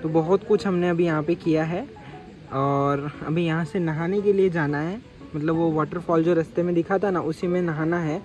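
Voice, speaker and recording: A man's voice: a little high, fairly even intonation, normal speed, darkish tone, faint music behind. A young man chatting playfully and upbeat as a travel vlogger on a mountain trail, talking into a handheld camera. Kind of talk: casual travel vlog narration.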